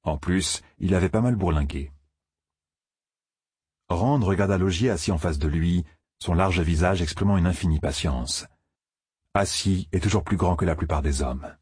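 A man narrates a fantasy audiobook with steady, measured delivery. His voice is extremely deep and husky. The recording is close and dry. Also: no room sound.

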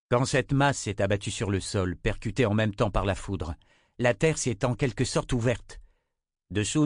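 A man's voice: on the low side, no room sound, studio quality, lightly acted. Male narrator doing a patient young man, level and plain, audiobook. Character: calm young man, wizard's grandson.

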